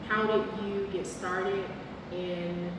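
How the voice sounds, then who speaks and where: A woman's voice: mid-range voice, flat delivery, takes it slowly, heavy background noise. A woman hosting an artist talk in a gallery, introducing and interviewing the guest in a friendly, conversational way. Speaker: gallery host. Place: art gallery. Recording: echoey gallery from far off, with music.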